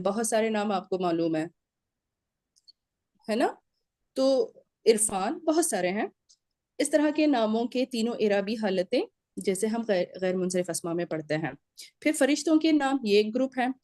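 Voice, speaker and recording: Dark-voiced woman teaching grammar. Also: mid-range voice, no echo, clean studio sound. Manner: explains step by step, drilling word endings aloud; checks in often with short confirmations. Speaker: Arabic teacher. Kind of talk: recorded Arabic grammar lecture.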